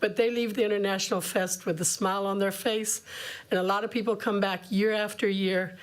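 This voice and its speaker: A woman's voice: mid-range voice, fairly even intonation, a little fast. Chatty woman from Germany speaking. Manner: chatty, folksy speech. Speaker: public commenter. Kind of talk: public hearing testimony.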